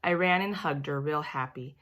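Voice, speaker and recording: Reading a children's book in a lively, expressive way, this female storyteller speaks as a child in the first person. Her voice is deep and her pace is normal.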